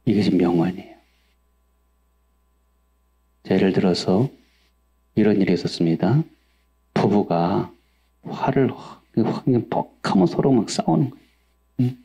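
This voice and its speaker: A pastor with a lowish, darkish voice and a breathy edge preaches a sermon. He asks the congregation questions and answers them himself, and acts out angry outbursts by raising his voice.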